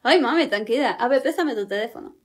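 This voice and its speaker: A woman's voice: fairly high pitch, animated, fast talker. A young woman acting out comedy skits with a sassy, playful delivery. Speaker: comedy sketch creator.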